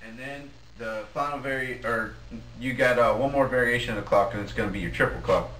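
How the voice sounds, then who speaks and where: A man giving a casual, plain-spoken instructional demonstration as a goose calling instructor, with halting delivery. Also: medium pitch, fairly bright tone. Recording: roomy, distant mic, faint noise.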